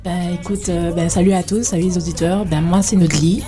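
Young singer lady, lowish mellow voice, lots of ben and euh, faint music behind. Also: fairly quick. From Guadeloupe. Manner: relaxed, rambling with many fillers. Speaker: singer guest. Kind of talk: radio interview.

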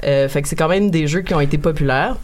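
A woman's voice: low voice, fast talker, a crowd in the background. A woman with a Quebec French accent who pronounces English words with an English accent, giving a casual, joking game review among co-hosts. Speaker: video game columnist on a show.

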